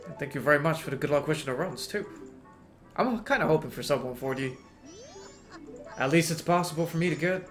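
A man streaming a speedrun, greeting viewers by name and reacting with sudden excited outbursts. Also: fairly high pitch, fairly quick, long pauses, soft background music. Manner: greets and answers chat, bursts into excited exclamations. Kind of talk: casual live-stream chat while gaming.

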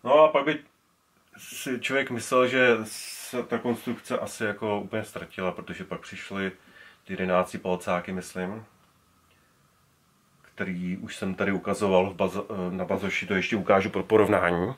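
A man's voice: sits low, fairly even intonation, fairly bright tone. A man in his forties casually showing his collection, rambling with many restarts as he handles the gear indoors. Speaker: speaker collector. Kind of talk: casual show-and-tell. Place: indoor room full of speakers.

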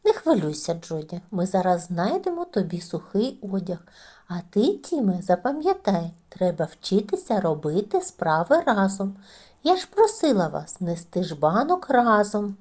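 A calm, patient kindergarten teacher in a children's audio tale, read by a woman. Her delivery is gentle and instructive, with a lively rise and fall. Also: medium pitch, moderate pace.

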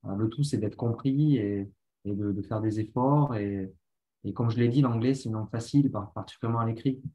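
A man's voice: lowish voice, a little fast, dark tone, highs cut off. A man on a video call, speaking earnestly and reflectively in a casual panel discussion.

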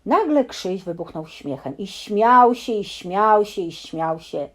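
A woman reading a bedtime story aloud in a lively, expressive storytelling manner. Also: medium pitch, takes it slowly.

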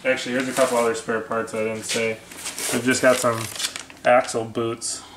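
A man casually chatting about his off-road gear, relaxed and rambling with lots of fillers. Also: medium pitch, moderate pace. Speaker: off-road video host. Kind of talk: casual garage chat. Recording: echoey room with faint noise.

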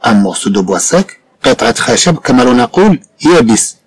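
A man's voice: mid-range voice, sing-song, fast talker, husky, low-quality recording. A man with a Moroccan Arabic accent teaching a French phonics lesson, patiently repeating sounds and examples.

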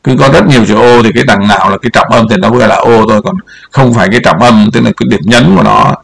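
A man's voice: medium pitch, racing, gravelly, fairly bright tone. An older man giving casual political commentary over a map, rambling and repeating words as he points things out.

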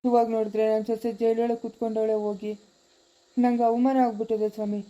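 A weary, pious old village grandfather, voiced by a woman, speaks in a plain, deferential way. The voice sits somewhat high, and the delivery is pleading and unhurried, as in a home-made family drama. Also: level tone, dark tone, highs cut off, natural voice. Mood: troubled, humble.

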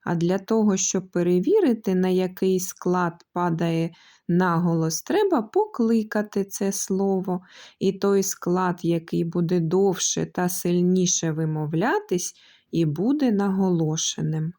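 Slow, mellow-voiced woman teaching small children. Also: fairly low pitch, lively intonation. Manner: drawn-out syllables and calling out words to show stress. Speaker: kindergarten teacher. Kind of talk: slow, carefully articulated lesson for young children. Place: kindergarten lesson recording.

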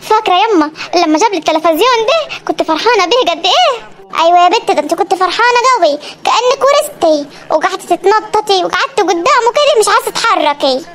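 High fast-talking woman with Upper Egyptian accent. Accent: Upper Egyptian Arabic. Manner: lively family bickering, exclamatory. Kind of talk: comedy cartoon dialogue.

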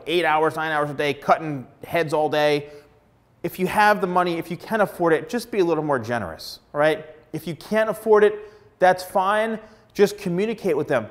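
This hairstylist, a man in his 40s, hosts an advice vlog straight to camera in front of a plain indoor studio backdrop. Wearing a lapel mic, he speaks in a slightly high voice, bluntly and emphatically, repeating words to stress them.

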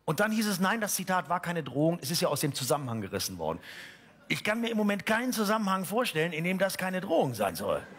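A man's voice: high-pitched, very animated, fast, breathy edge, heavily acted. An actor playing a desperate male gag writer, delivering an ironic satirical rant and singing a mock prayer song. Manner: earnest ranting, ironic, sings mock prayer. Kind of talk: satirical stage monologue and comic song. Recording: loud instrumental backing music.

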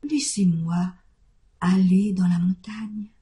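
A woman voicing a young female goat who answers softly and politely but insists on leaving. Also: mid-range voice, expressive, unhurried, natural voice. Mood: stubborn.

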